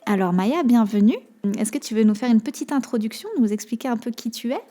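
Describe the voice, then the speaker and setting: A woman's voice: a little high, brisk, warm tone. A woman hosting a podcast interview who asks her guest questions, with a few fillers. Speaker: podcast host.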